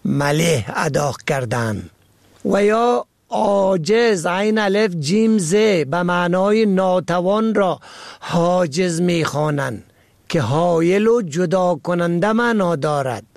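A male radio presenter delivers a scripted segment in a formal, measured manner. His voice sits high and has a gravelly texture. The recording is dry and close, with no room sound. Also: darkish tone, dry recording. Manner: measured, formal, spelling out words slowly.

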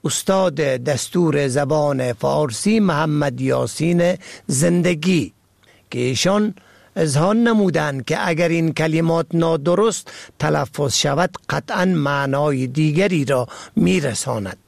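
A male radio presenter delivers a scripted segment in a formal, measured manner. His voice sits high and has a gravelly texture. The recording is dry and close, with no room sound. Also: no echo. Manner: measured, formal, spelling out words slowly.

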